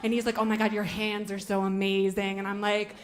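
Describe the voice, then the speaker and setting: A woman telling a personal story to an audience, animated and full of "like", acting out her own thoughts. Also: medium pitch, brisk, slight background noise. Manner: animated, filler-heavy "like", acts out her own inner thoughts.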